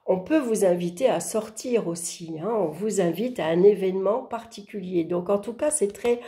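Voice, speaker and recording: A woman hoarse from swollen tonsils speaks softly, giving an informal tarot horoscope reading to viewers. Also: medium pitch, moderate pace. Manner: speaking softly to spare her throat. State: hoarse from a sore throat with tonsillitis. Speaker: tarot card reader and horoscope host.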